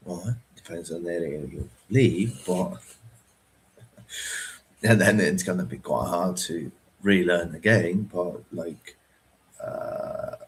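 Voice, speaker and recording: Male streamer, deep and unhurried, filler-heavy, keeps checking in with "right?". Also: a little mellow, a little hiss or hum, low-quality recording. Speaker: trading educator. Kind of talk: unscripted livestream talk.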